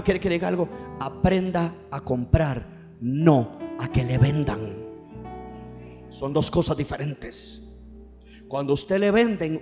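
A man preaches in church with a fervent, rising-and-falling delivery and calls on the congregation to answer him aloud. His voice sits a little high for a man. Faint music plays under the live church sound. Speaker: pastor. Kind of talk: sermon.

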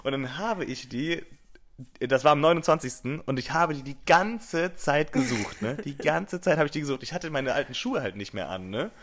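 A man's voice: a little high, expressive, normal speed, fairly bright tone. A young man co-hosting a podcast, telling a story in a casual chat with lots of fillers and restarts. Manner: rambling storyteller, lots of fillers and repeated starts. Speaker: podcast co-host.

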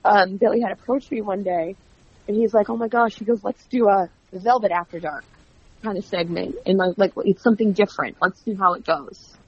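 Chatty woman with a husky, dull-sounding voice. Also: medium pitch, fairly quick, no echo. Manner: chatty, animated storyteller who acts out quoted dialogue. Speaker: wrestling commentator and guest. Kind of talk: casual interview. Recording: dull lo-fi audio.

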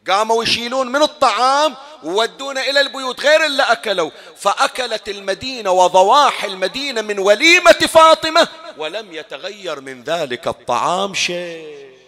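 A man with a Bahraini Arabic accent giving a Shia mourning sermon, moving from soft storytelling to loud, wailing climaxes. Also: high voice, animated, a little fast. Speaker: preacher. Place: mourning hall.

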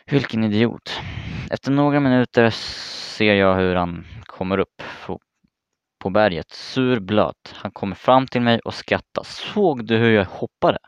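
A young man narrating a personal story in the first person, casually and haltingly, often restarting his words. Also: on the low side, clear, resonant tone, no room sound. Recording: dry, slightly muffled recording.

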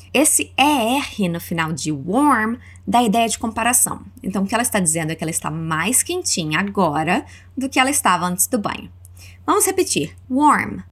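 A Brazilian-accented woman leads an English lesson, modeling words slowly and clearly for repetition. Her voice rises and falls a lot as she speaks. She keeps an unhurried pace throughout. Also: fairly high pitch, a bit bright. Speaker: English teacher. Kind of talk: language lesson narration.

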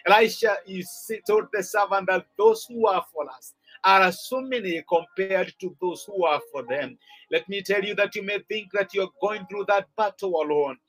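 High-voiced man preaching earnestly. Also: moderate pace, a bit bright, soft background music, rough recording. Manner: earnest exhorting delivery with repeated phrases. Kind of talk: sermon.

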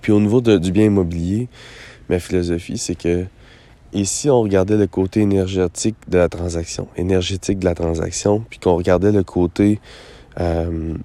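A man with a Quebec French accent and a hoarse, gravelly voice, talking casually and hesitantly off the cuff as he thinks aloud. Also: low-pitched, fairly even intonation, moderate pace, warm tone. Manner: hesitant, thinking aloud, often repeating words. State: hoarse after a late night. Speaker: host of a personal voice-memo show. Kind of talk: casual, unscripted monologue. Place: outdoors on a lakeside beach.

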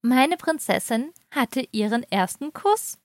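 A woman's voice: high-pitched, expressive, slow pace, no echo, clean studio sound. A woman voicing a giddy, overexcited mother who teases and gushes. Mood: gushing. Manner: giggly, overexcited, teasing. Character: excitable gushing mother, woman.

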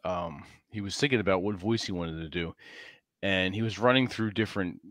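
A man co-hosting a live stream in casual, profane banter, telling stories with lots of throat-clearing and laughter. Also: deep voice, brisk, no room sound. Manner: animated storytelling with frequent throat-clearing and laughter.

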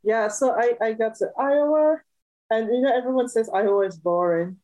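A woman's voice: a little high, moderate pace, dark tone, rough recording. A woman from Cameroon, a musician guest in a casual interview, talking cheerfully and laughing often.

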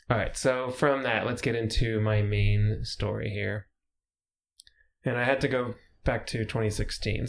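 A man's voice: on the low side, vocal fry, a little hiss or hum. A man hosting a casual podcast chat, laid-back and swearing casually, laughing often. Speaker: podcast host.

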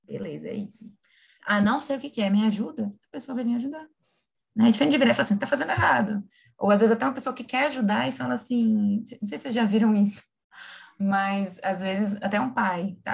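A woman, explaining things in a lively, casual conversation, often asking her listeners "right?". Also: mid-range voice, gravelly, breathy edge. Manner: animated, acts out imagined quotes, frequent tag questions.

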